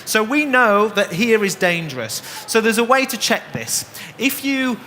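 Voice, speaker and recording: A man with a Northern English accent talks casually through a live DIY demo, often stopping to restart his sentences. His voice sits high and bright, and the sound carries with a long echo around a big hall, with faint noise behind. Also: sing-song, measured pace. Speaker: DIY presenter. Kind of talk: live demonstration talk. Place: exhibition hall stage.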